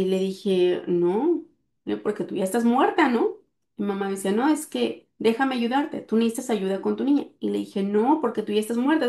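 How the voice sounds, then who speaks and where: Middle-aged woman, higher register, earnest storyteller, echoey room. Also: darkish tone. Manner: earnest, speaks with frequent fillers. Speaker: guest sharing testimony. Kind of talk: personal storytelling.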